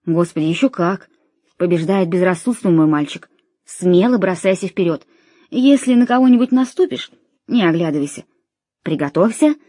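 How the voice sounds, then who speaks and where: A woman's voice: lowish voice, lively intonation, normal speed, dry recording, studio quality. A woman putting on a nervous young male runner. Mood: fretful. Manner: fretful, hushed and urgent. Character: nervous, excitable young man, a race runner.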